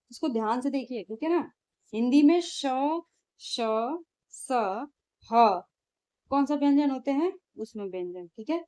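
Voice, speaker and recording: A woman's voice: a little high, a little mellow. A woman teacher, going through exam questions in a lesson and answering her own questions.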